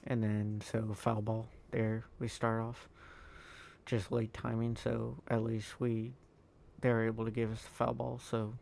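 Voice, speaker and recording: A man recording a tired, halting voice-over over his own sports video game footage, full of ums and uhs. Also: completely flat delivery, vocal fry, a little mellow. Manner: low-key, halting, lots of ums and uhs. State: tired, yawning. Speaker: gaming YouTuber.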